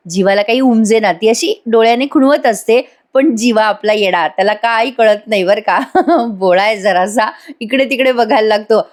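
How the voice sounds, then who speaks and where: A woman's voice: mid-range voice, a little mellow. A woman giving a chatty voice-over review of a TV serial episode, talking straight to her viewers. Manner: chatty, addresses viewers, laughs often.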